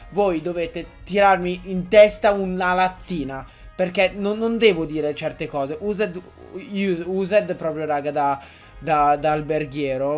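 A young man giving excitable, joking Let's Play commentary to his viewers, often swearing. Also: fairly high pitch. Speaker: gaming YouTuber.

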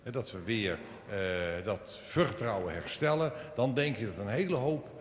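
A man speaking on a conference panel, hesitant with many pauses and fillers, in a large hall. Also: medium pitch, expressive, slight background noise. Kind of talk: panel discussion. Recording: echoey hall.

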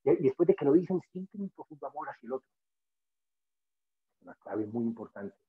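A man's voice: medium pitch, sing-song, fairly quick. A man guest speaker giving a spiritual motivational talk, earnest and emphatic, repeating phrases to drive points home. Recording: tinny phone-like sound.

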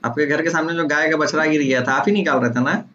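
A man's voice: on the high side, steady tone, quick pace, fairly bright tone. A man with a lilt runs a casual online class, ribbing students by name in a slightly raised voice. The video call audio sounds dull, with a faint hiss underneath. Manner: teasing, jovial, calls on students by name. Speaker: teacher.

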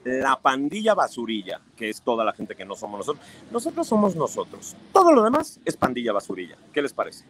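Mexican male streamer, mid-pitch, warm banter with his chat, teasing, affectionate. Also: wildly swooping pitch, fast, poor audio. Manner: chatty and affectionate, playful teasing. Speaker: livestream host. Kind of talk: casual live chat, reading viewer comments aloud.

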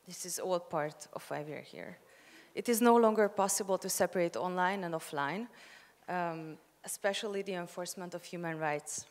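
A young woman gives a measured, prepared opening speech from notes on stage, speaking into a handheld mic. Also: lowish voice. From Hungary. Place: large conference hall, on stage. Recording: long hall reverb.

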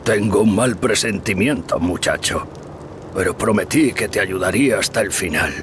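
An actor playing a gruff, blunt, loyal older dwarf warrior in a fantasy game, with game sound behind him. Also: male voice, lowish voice, moderate pace, background noise, lightly acted. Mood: wary, loyal. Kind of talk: scripted fantasy game acting.

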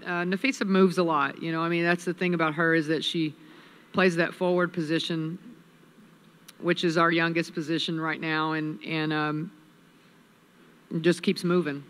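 A woman in her fifties, a head coach at a postgame press conference, speaking in a measured, analytical way into a table microphone. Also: low voice, flat delivery, a bit bright. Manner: measured, analytical, many restarts. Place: press room with sponsor backdrop. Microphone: table mic on a stand.

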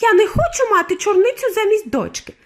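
A woman's voice: very high-pitched, moderate pace, pitched above the performer's own voice. A shrieking panicked mother. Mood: wailing panic. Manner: screeching, wailing, near tears. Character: shrieking panicked mother, middle-aged woman.

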